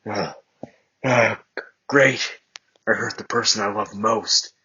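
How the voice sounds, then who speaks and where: Man doing a smug teasing young guy, cocky, husky voice, muffled lo-fi sound. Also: mid-range voice, unhurried, bright, forceful tone, exaggerated voice. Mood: soft.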